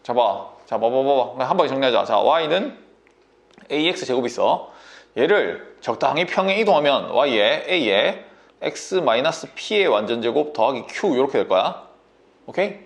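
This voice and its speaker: Male math tutor, gravelly and lively, bossy casual checks, sore throat. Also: mid-range voice. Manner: bossy, coaxing banmal, constant checks like "인정?" and "됐니?". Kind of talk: whiteboard math lesson.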